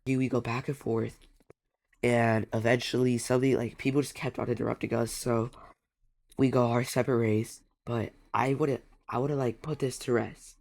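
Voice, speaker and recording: A young man, a gaming YouTuber, rambles casually through a story about a game, repeating himself often. He's congested from a cold, so his mid-range, gravelly, darkish voice sounds stuffy, with little pitch movement and a moderate pace.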